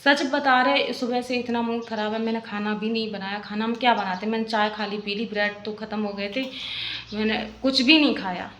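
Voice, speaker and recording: A woman's voice: fairly high pitch, fairly even intonation, a little fast, fairly bright tone. A young woman in a casual vlog, venting at length in a rambling, aggrieved way and often tagging questions at the listener. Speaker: vlogger, mother. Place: rented room at home. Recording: echoey room, faint background noise.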